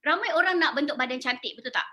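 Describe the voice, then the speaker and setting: This high-pitched, fast-talking woman has a sharp tone. In her forties and speaking with a Malaysian accent, the salon owner delivers a persuasive sales talk, quizzes her audience, and blends in English words.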